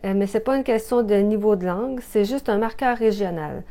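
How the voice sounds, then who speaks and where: Mellow Québécois woman explaining pronunciation. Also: mid-range voice, a little fast. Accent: Québécois French. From Canada. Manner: clear, patient, repeats examples. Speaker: language video presenter. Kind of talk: explanatory language lesson.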